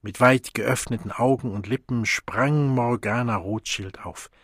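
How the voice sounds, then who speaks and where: A man narrating an audiobook in a dramatic reading, swinging between hushed passages and loud outbursts. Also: mid-range voice, a little slow, husky, dry recording, clean studio sound. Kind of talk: scripted narration.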